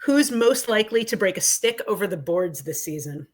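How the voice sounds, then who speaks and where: Female co-host, mid-pitched voice, casual rapid-fire question-and-answer banter for sports fans. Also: lively intonation, husky. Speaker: co-host of a sports fan show.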